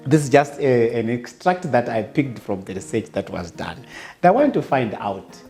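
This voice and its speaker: A man, a pastor hosting a panel discussion, speaking in a measured way with pauses. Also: medium pitch, very animated, dark tone, faint music behind. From Zimbabwe. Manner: slow, measured, with frequent "uh" pauses. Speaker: pastor hosting a parenting show.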